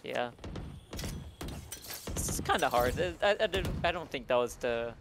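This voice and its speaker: A man's voice: mid-range voice, expressive, normal speed, vocal fry, over music. A man casting an esports match in laid-back, hedging play-by-play commentary. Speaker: esports co-caster.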